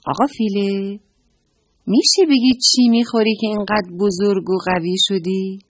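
Lady doing a tiny curious frog kid from a bedtime story, eager questions, bouncy lively pitch, soft breathy tone. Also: no echo. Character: small playful frog child, curious and eager.

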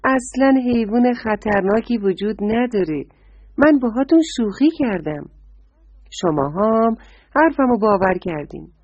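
A woman's voice: on the high side, animated, no room sound. A woman voicing a small mischievous green frog in a storybook tale, speaking in a playful, teasing way, on a dull lo-fi recording.

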